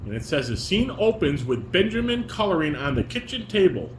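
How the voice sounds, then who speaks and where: A middle-aged father casually directs a family table read, reading stage directions aloud and demonstrating and correcting step by step. His voice is high, sing-song and brisk, captured in a roomy, echoey home recording with background noise.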